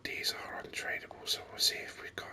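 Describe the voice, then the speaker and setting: This is a close-mic ASMR gaming host whose quiet, leisurely whispers wander through thoughts on the game being played.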